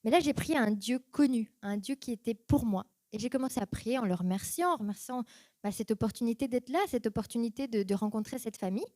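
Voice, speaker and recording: A woman's voice: on the high side, quick pace, darkish tone, no echo. A young woman giving a personal church testimony, telling her story casually and acting out her past reactions in quoted voices.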